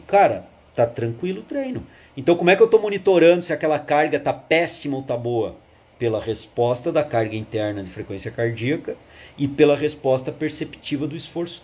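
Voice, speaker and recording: A man teaching a live online fitness course in a casual, animated way, full of slang and quick check-ins. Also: a little high, husky. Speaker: physical education instructor.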